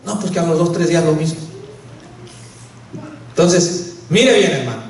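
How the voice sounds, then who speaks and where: High-voiced pastor preaching in an echoey hall. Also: male voice, animated, moderate pace, a little mellow. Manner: preaching, keeps calling listeners "hermano". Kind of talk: sermon. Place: church. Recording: echoey church hall, voice from far off.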